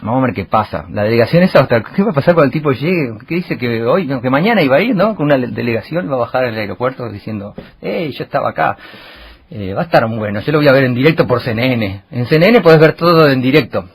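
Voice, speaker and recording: A man's voice: medium pitch, animated, fast, few pauses, husky. A man, hosting a radio show and rambling through a comic monologue full of fillers and asides.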